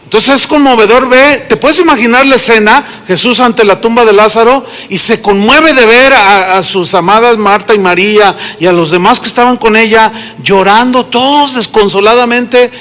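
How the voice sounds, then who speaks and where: A man's voice: very high voice, moderate pace, hardly any pauses, bright, forceful tone. A man with a Mexican accent preaching a sermon to his congregation, telling stories and asking them questions. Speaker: pastor. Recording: long hall reverb.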